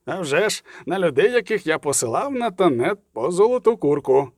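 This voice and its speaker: A man's voice: sits high, sing-song, normal speed, dry recording, clean studio sound. A man voicing a sardonic, scheming male lawyer with a sneering, sarcastic manner, in an audiobook. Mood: impatient.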